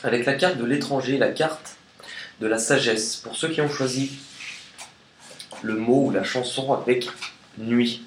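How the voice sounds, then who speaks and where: A man at an everyday pitch talks through a tarot spread in a relaxed, chatty way. His voice rings in an echoey room. A faint noise runs under it. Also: a little slow, pauses often. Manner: chatty and relaxed, sings snatches of songs. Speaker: tarot card reader. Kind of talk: casual tarot reading video.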